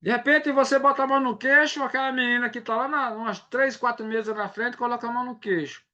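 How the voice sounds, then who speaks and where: A man's voice: very high-pitched, fairly even intonation, fast talker, pushed and bright, muffled recording. A man from Brazil, giving a casual live sales training and often checking in with his audience.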